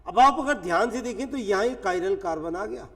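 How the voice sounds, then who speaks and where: A man's voice: sits high, animated, moderate pace, fairly bright tone. A man teaching chemistry in a lecture, explaining step by step with everyday examples. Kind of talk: classroom lecture. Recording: echoey classroom, voice from a distance.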